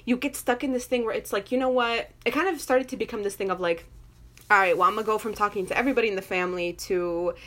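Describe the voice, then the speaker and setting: Young woman chatting, rambly and animated, mid-pitch, laughs a lot. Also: fast. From Moroccan family, grew up in an English-speaking country. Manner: animated storytelling, lots of fillers, laughs often. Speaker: guest. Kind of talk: casual chat.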